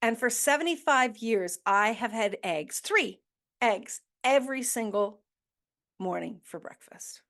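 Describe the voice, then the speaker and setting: A woman's voice: a little high, lively intonation, a bit bright. A woman hosting a motivational talk, coaching listeners with earnest questions and emphatic repetition. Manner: slow deliberate delivery with emphatic repetition. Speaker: host.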